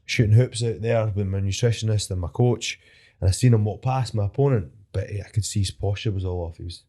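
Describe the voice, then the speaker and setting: A Scottish mixed martial arts fighter, appearing as a podcast guest, tells rambling anecdotes casually in a casual storytelling interview, swearing freely and laughing often. His voice is on the low side, warm, and a little fast.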